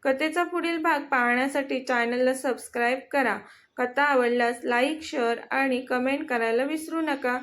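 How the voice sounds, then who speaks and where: High-voiced woman reading a story. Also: normal speed, fairly bright tone. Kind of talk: scripted narration.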